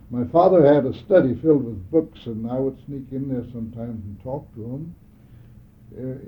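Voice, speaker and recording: An elderly man reminiscing about his childhood in an oral history interview, speaking haltingly with many pauses and restarts. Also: mid-range voice. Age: older. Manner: halting, frequent hesitations and restarts. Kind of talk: reminiscing conversation. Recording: narrow phone-like old tape.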